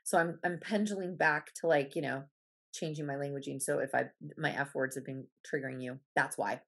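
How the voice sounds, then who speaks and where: A woman's voice: sits low, steady tone, brisk, vocal fry, fairly bright tone. A woman guest in a casual podcast interview, blunt and emphatic, who swears freely.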